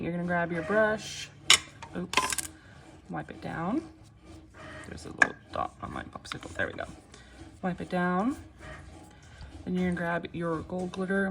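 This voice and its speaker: A woman giving a casual, step-by-step craft tutorial in a reassuring, unhurried way, often checking in, with machine noise behind her. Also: fairly low pitch, gravelly. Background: machines running, clicking sounds.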